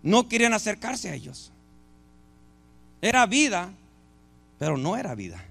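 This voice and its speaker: High, gravelly-voiced preacher man. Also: sing-song, moderate pace, fairly bright tone. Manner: preaching with rhetorical questions to the congregation. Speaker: pastor. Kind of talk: sermon.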